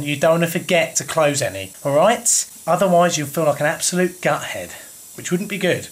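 A cheeky, chatty British plumber in his thirties, talking straight to a close camera inside a house. His voice sits a little on the high side and he keeps things light with jokey asides. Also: fairly bright tone. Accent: British English. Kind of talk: hands-on plumbing tutorial. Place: inside a house, airing cupboard and rooms. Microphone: wide-angle camera held close or set on floor.

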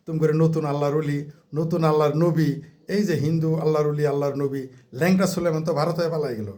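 Mocking man ranting, higher voice. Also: a little mellow. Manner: mocking, heated, crude insults and rhetorical questions. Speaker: political commentator. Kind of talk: ranting political monologue.

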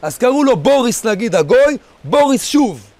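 Male rabbi, high voice, storytelling sermon, punchy dramatic phrasing, casual with his audience. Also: sing-song, a little mellow. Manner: addresses listeners casually as "guys" while narrating. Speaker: rabbi giving a Torah lesson.

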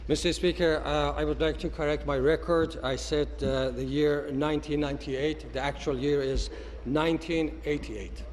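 Hesitant minister in reverberant chamber. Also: male voice, a little high, steady tone, moderate pace, few pauses, slight background noise. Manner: hesitant, formal. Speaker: minister raising a point of order. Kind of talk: formal parliamentary remarks. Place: large legislative chamber.

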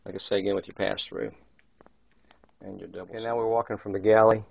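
Indoors aboard a yacht, a man films and narrates a walk-through of its small wood-paneled cabins, rambling with fillers and restarts. He talks fast in a low, creaky, darkish voice with little pitch movement, recorded as dull lo-fi camcorder audio on a handheld camera mic.

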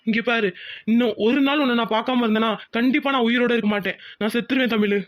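Worried lovesick village dude in a cartoon, begs a lot, kinda dramatic. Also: male voice, extremely high pitch, steady tone, fast talker. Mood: pleading, worried. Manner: pleading, worried, melodramatic. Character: lovesick young village man, anxious.

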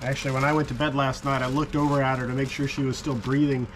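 A man's voice: mid-range voice, little pitch movement, fast, background noise. A man in his forties giving short, laid-back replies from the wheelhouse of a boat, away from the camera. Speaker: sailing vlogger's husband. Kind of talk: casual chat.

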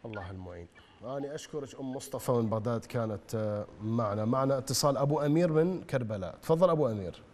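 Brisk call-in show host. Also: male voice, medium pitch, animated, darkish tone, long reverb tail. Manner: brisk, reads messages, greets callers.

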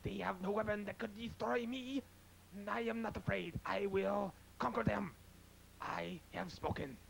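A young man plays a fearless alien warlord from a cheesy sci-fi B-movie. His high voice creaks as he makes slow, pompous declarations. It comes through on a noisy amateur videotape. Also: fairly even intonation, exaggerated voice. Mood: boastful. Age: young adult. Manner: grandiose, stilted declarations. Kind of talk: hammy 1950s sci-fi B-movie parody acting.

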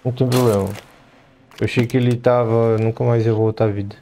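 A man chatting to himself while playing a game, shouting in the fights. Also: mid-range voice, level tone, fairly quick, a little hiss or hum. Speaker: gameplay commentator. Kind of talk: let's play commentary.

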